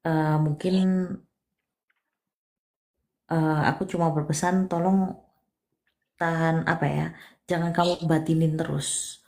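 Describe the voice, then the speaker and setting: Woman, low register, live palm reader; gentle, coaxing, endearments, half-whispered. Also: little pitch movement, unhurried. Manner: soft, coaxing, calls the listener darling; mixes English words into her talk. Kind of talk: live one-on-one reading.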